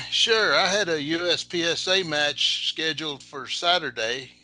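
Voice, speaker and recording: Male co-host, very bright, sharp voice, laid-back storyteller. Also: fairly high pitch, normal speed, no room sound. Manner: easygoing storyteller, dry humor. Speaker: podcast co-host. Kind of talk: casual podcast chat.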